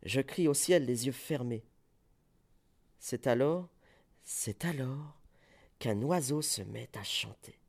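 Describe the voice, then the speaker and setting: A man in his forties giving a dramatic poetry recitation, theatrical, moving between hushed murmurs and sudden cries. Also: medium pitch, takes it slowly, vocal fry, long pauses. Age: 40s.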